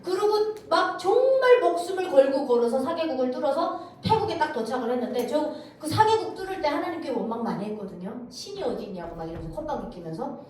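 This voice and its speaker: Lively high-voiced woman giving testimony. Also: fairly quick. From North Korea. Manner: lively storytelling, acting out quoted voices. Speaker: guest speaker giving testimony. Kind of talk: church testimony talk. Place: church sanctuary. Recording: echoey church hall, distant mic, faint noise.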